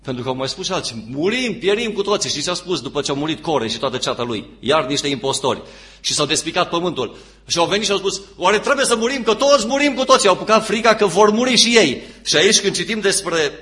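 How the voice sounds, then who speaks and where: Emphatic, bright-voiced male preacher. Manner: emphatic, repeats phrases, swings from loud stress to low quiet asides. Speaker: pastor. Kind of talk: sermon. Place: church.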